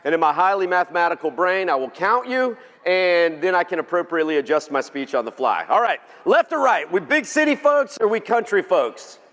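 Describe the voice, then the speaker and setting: A man with a Texan drawl delivers a lighthearted keynote, cracking jokes and polling the crowd. His voice sits a little high for a man. The sound rings with the long reverb of a large banquet hall. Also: very animated, brisk, few pauses, a bit bright. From Texas. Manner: folksy, joking, engages the audience. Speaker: keynote speaker. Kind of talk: humorous keynote speech.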